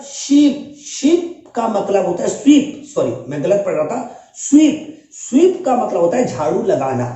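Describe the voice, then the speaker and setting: A man with a Hindi accent teaching English sounds in an animated style, calling out example words loudly. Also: sits high, heavy reverb, recorded from a distance. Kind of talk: spoken lesson.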